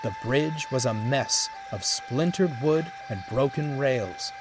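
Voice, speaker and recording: A man's voice: medium pitch, animated, takes it slowly, noisy background. A man reading scripted narration for a children's story as the narrator. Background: music.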